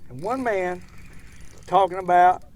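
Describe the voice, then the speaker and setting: An older man with a Southern US accent hosts an outdoor fishing vlog from a boat on a lake, chatting in a folksy, rambling way. His voice is high-pitched and darkish in tone, his pace measured, and faint boat ambience sits in the background.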